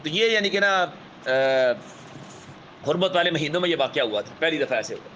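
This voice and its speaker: Man lecturing on religious history, a bit high pitched, slow storytelling, keeps checking in with the listeners, faint hum behind. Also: expressive, fairly bright tone, muffled recording. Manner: measured, keeps adding a checking "alright?" tag; vivid storyteller, acts out quoted speech. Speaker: Islamic scholar lecturer.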